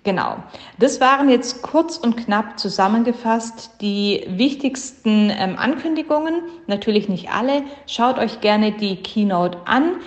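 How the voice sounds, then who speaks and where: A woman co-hosting a podcast gives a brisk, upbeat spoken update, recorded as a low-quality voice message. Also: expressive, roomy sound. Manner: brisk, upbeat, lightly correcting herself. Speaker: podcast co-host. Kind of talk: quick spoken news update.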